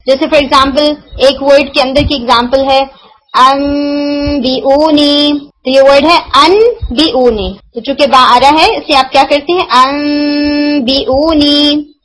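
In an explanatory lesson with poor audio, a woman whose voice sits high teaches the rules of Quran recitation. She explains patiently, answers her own questions, and slows down to demonstrate sounds.

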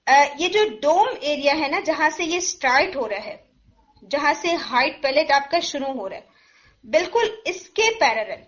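A woman's voice: high-pitched, lively intonation, fairly bright tone, dull audio. A woman, a teacher who patiently explains letter sounds step by step and uses everyday comparisons. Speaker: Quran recitation teacher. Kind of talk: pronunciation lesson.

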